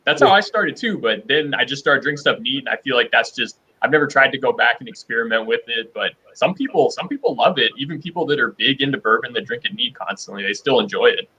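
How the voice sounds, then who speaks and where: A man with a bright, forward voice and a husky edge. He hosts a livestream in loose, folksy conversation, at a middling pitch. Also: animated, fast talker, few pauses, dull audio. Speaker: host of a bourbon blind-tasting livestream. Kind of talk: casual chat.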